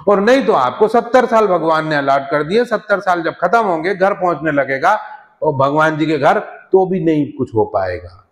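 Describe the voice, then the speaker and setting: A male motivational trainer telling a story at a workshop in slow, dramatic turns. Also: fairly high pitch, expressive. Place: workshop hall. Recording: echoey hall with long reverb.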